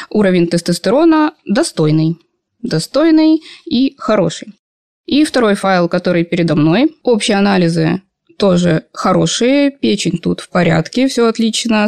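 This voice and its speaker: A woman's voice: on the low side, darkish tone, no echo. Woman, medical expert, explanatory conversational commentary, good-humoured, dry studio-like sound. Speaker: endocrinologist, expert guest.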